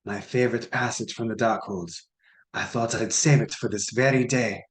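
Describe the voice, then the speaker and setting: Guy doing a soft smug scheming sorcerer king. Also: mid-range voice, fairly even intonation, normal speed, natural voice.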